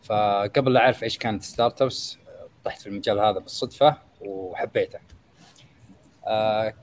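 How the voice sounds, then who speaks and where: A young man with a Gulf Arabic accent explaining conversationally as a guest expert, hesitant and pausing as he thinks aloud. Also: lowish voice. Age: young adult. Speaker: guest expert in startup marketing.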